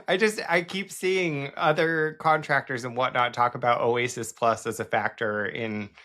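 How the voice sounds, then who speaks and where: A man's voice: mid-range voice, steady tone, pushed and bright. Chatty, joking male podcast host. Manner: jokey, chatty, quick to laugh. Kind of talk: casual chat.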